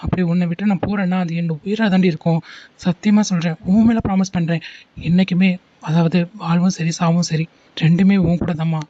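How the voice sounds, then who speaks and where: A woman plays a protective young cartoon boyfriend who soothes and reassures at a rapid clip. His tone is mellow and low-key. The recording is slightly muffled with faint hiss. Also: fairly even intonation, no room sound, natural voice. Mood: reassuring. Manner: soothing, reassuring, quick talking. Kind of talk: homemade animated cartoon dialogue.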